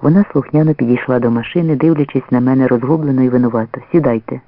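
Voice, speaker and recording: A man reading a story aloud as a measured, expressive first-person narrator. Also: mid-range voice, no echo. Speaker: audiobook reader. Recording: dry, narrow phone-like lo-fi sound.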